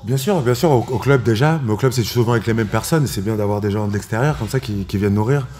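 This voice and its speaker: A man's voice: on the low side, fast, a little mellow. A man chatting in an interview as a fighter and organiser, in short emphatic phrases with repeats and some English words. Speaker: MMA fighter and seminar organiser. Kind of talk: casual interview, anecdotes.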